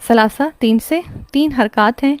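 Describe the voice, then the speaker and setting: A woman's voice: on the high side, a little mellow, no room sound. Patient Pakistani woman teaching tajweed. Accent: Pakistani Urdu. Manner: patient, explains step by step with questions and answers. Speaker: Quran recitation teacher. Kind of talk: online class lecture.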